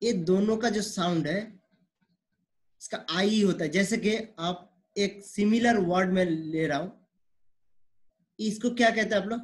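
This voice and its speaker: Slow-talking male teacher, high voice. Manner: slow, repetitive explaining, mixing Hindi and English. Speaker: English teacher. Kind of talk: explaining English pronunciation on a whiteboard lesson.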